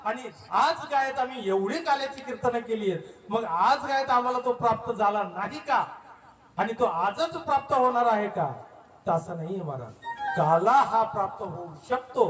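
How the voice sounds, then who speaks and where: A man's voice: very high-pitched, lively intonation, normal speed, fairly bright tone. A man from Maharashtra preaching a devotional sermon, putting question after question to his listeners. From Maharashtra, India. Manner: preaching with rhetorical questions to the crowd. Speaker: kirtan preacher. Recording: echoey, distant mic with faint music.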